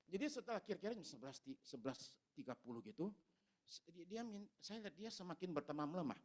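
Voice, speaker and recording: A man's voice: high voice, fast talker. Male pastor for a storytelling sermon, voice rising and falling a lot as he talks straight to the congregation. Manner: animated, addresses the congregation directly.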